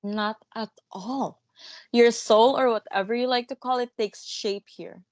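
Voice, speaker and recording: A woman in a dramatic play reading, playing a self-assured theatre manager with a brisk, scornful, commanding manner. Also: on the high side, fairly even intonation, darkish tone, no echo, natural voice. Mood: dismissive, commanding.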